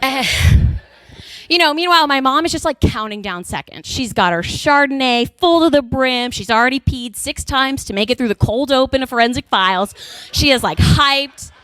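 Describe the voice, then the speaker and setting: A young woman from Texas performs a stand-up set with lively storytelling and quick character voices. Her voice sits a little high and sounds smooth and clear. The mic is close, with a dry sound and no room echo. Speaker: stand-up comedian. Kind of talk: stand-up routine.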